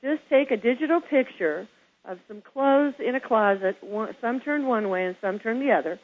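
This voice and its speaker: Middle-aged woman host, gushing and chatty, from Kansas, higher voice, heard over a tinny phone line. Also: expressive, normal speed. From Kansas, USA. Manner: effusive, gushing praise, calls the guest girl. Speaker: host of a home-staging show. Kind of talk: casual interview on a phone line.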